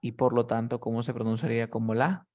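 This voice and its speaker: A man's voice: mid-range voice, little pitch movement, fast, a little mellow, muffled recording. A man teaching English to one student, patient and methodical. He breaks each rule down step by step and keeps checking that his student follows. He is heard over a video call. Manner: patient, explains step by step with many checks like "¿cierto?".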